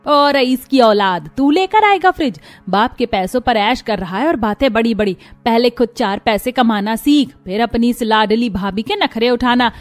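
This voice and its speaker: A woman's voice: a little high, lightly acted. A woman voicing a cruel middle-aged mother-in-law in a cartoon, harsh and taunting, over faint music. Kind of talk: cartoon voice acting.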